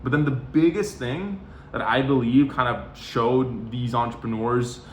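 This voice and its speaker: A man's voice: medium pitch, a little slow, slight background noise. A young man in his twenties from Norway, giving casual, conversational career advice and often saying "you know" and "like". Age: 20s. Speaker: sales coach. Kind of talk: casual talking-head advice. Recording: roomy echo.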